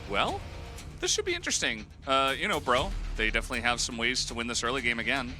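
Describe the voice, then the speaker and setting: Playful man in his thirties casting. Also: mid-range voice. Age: 30s. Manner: laughing, relaxed, playful banter. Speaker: esports caster. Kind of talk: casual esports commentary.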